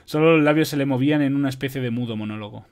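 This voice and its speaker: Reader, casual audiobook narration with cheeky asides, home mic. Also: male voice, mid-range voice, very fast, darkish tone. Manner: casual, swears, adds asides. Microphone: home microphone.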